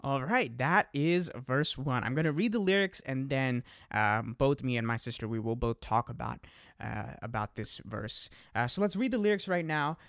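A man's voice: medium pitch, lively intonation, normal speed, fairly bright tone, dry recording. A young adult man hosting a casual podcast. He talks in an easygoing way, laughs at himself and uses lots of fillers. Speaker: podcast host. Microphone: desk microphone.

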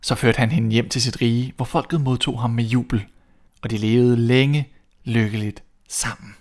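A man reading a fairy tale aloud as the show's storyteller, in a calm, even way. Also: mid-range voice.

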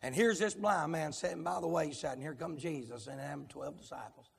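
Gravelly Southern US preacher in a big church hall. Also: male voice, fairly high pitch, a little fast. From South Carolina, US. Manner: fiery preaching that builds to shouting, folksy. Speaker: pastor. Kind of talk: sermon. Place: large church sanctuary. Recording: long church hall reverb.

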